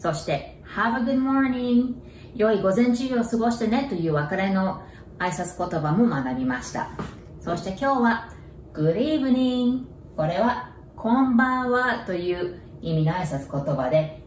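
A woman teaching a bilingual language lesson, slowly repeating words in careful pronunciation drills. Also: mid-range voice, a little mellow. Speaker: English teacher. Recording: echoey room, distant mic, faint noise.

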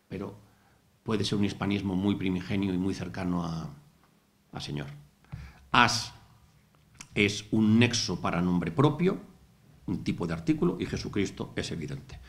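Methodical lecturer, lowish voice. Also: male voice, lively intonation, unhurried, creaky, pauses often. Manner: explains word by word, methodical, with asides. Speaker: university lecturer. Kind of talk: academic lecture. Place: lecture hall.

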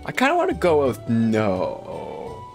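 A man's voice: mid-range voice, huge pitch swings, slow, vocal fry, soft background music. A man casually commenting on a game he streams, with chatty, self-mocking asides.

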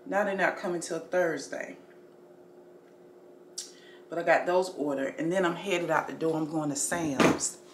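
A woman chats casually into her phone camera, greeting her viewers like family. She speaks slowly and easily. The recording has a roomy echo with a faint hum of background noise. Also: deep voice. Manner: chatty, relaxed, addresses viewers as family and y'all. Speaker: vlogger. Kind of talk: casual vlog chat to camera.

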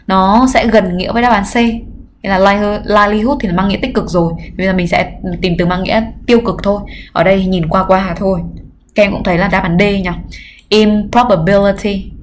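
A woman English teacher giving a livestreamed exam review lesson, explaining patiently and pausing on filler sounds. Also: medium pitch, slight background noise. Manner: explains patiently, often adds "các em" and "nhá"; frequent filler hesitations. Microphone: computer mic during livestream.

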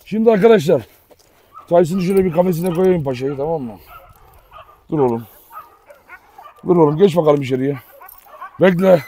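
A man's voice: fairly high pitch, moderate pace, pauses often, dark tone. A man hosting a casual outdoor dog vlog, coaxing his dogs and talking to viewers by turns. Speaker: dog owner and channel host.

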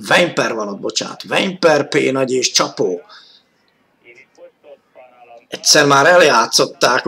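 A man giving live football commentary on an old 1980s television broadcast, excited and rising to shouts at key moments. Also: mid-range voice, vocal fry, poor audio.

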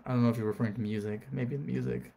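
A man's voice: mid-range voice, fairly even intonation, fast, vocal fry, mellow. A man chatting casually on a live stream, reading out card names and talking to viewers.

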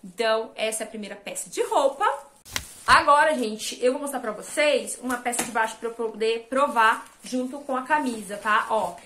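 A lively, friendly Brazilian woman in her thirties, a fashion vlogger, chats casually through a clothing haul in a fairly high voice at normal speed. She's in a small, bright room at home, filmed first by a camera close by and then on a phone held at a mirror, with slight background noise.

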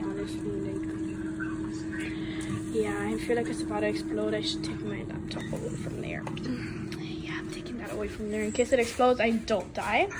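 A teenage girl vlogging casually in her home kitchen, rambling and chatty with lots of fillers, filmed on a handheld phone. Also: a little high. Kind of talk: casual cooking vlog. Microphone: handheld phone camera. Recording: loud appliance noise behind.

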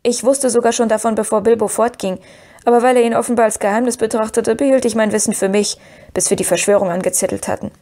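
A woman reading the part of Merry, a calm and knowing young male hobbit who speaks with quiet decisiveness. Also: a little high, fast talker, lightly acted. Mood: decisive.

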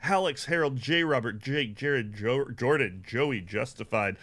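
A man co-hosting a podcast, reading supporter shout-outs in a put-on radio announcer voice. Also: medium pitch, measured pace. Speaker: podcast co-host.

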